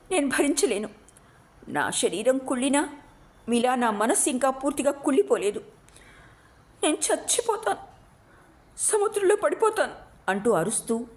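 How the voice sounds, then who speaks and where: A woman's voice: mid-range voice, natural voice. A woman reading a story, voicing a horrified young woman who pleads in anguished outbursts.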